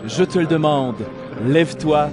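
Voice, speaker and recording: An actor playing Jesus as a firm, solemn and authoritative teacher in an audio Bible drama. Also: male voice, fairly high pitch, unhurried, close to an everyday voice. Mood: firm, challenging. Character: Jesus, authoritative adult male healer and teacher. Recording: voice over clear background music.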